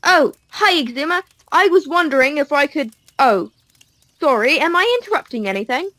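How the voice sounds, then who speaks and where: A woman's voice: sits high, animated, normal speed, fairly bright tone, no echo, voice pushed up. A woman voicing a cheerful, polite young man with an English accent in an audiobook. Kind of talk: audiobook character voice.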